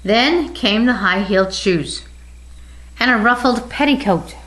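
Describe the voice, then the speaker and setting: An older woman reads a children's picture book aloud, her voice sitting a little high. She paces the story gently and expressively, as a grandmother would at bedtime. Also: lively intonation, measured pace, a little hiss or hum, rough recording. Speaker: storybook reader.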